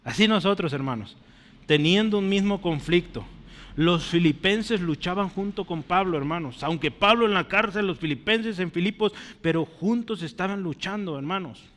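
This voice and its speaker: A man's voice: high-pitched, lively intonation, moderate pace, a bit bright. A man preaching a sermon to his congregation, earnest and often asking them questions. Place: church. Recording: long reverb of a church hall.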